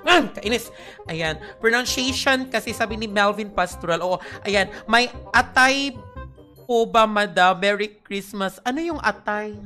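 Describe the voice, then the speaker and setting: Pushed, bright and fairly high-pitched, this young woman's voice carries her casual game-stream chat. Though she's tired and has a headache, she keeps greeting viewers by name with sudden shrieks.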